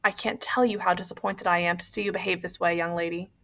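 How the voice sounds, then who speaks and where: A woman's voice: on the low side, fairly even intonation, fast talker, gravelly, a bit bright. A woman reading the part of a stern, scolding male prison warden in an audiobook.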